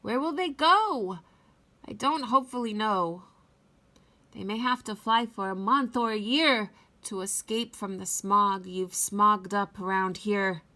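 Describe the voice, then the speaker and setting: A woman voicing a grumpy, indignant little forest guardian creature in a storybook, scolding with emphatic, drawn-out words. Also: mid-range voice, pushed and bright. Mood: weary, reproachful. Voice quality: coughing, croaky delivery.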